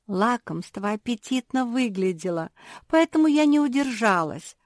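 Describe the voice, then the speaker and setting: A gentle, sweet-toothed pug seamstress from a storybook, voiced by a woman. Her voice sits high, soft and earnest, lively in tone. Dry, close sound. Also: moderate pace, no room sound, lightly acted.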